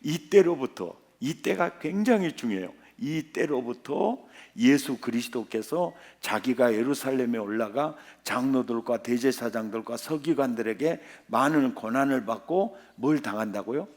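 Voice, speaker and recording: A man's voice: mid-range voice, normal speed, few pauses. A male pastor preaching a revival sermon, often putting questions to the congregation. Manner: animated, quizzing the congregation.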